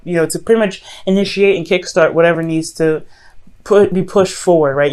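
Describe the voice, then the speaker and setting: A woman's voice: fairly low pitch, a little mellow. Woman giving a conversational mystical tarot reading. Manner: hesitant, often repeats and rephrases phrases. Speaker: tarot reader.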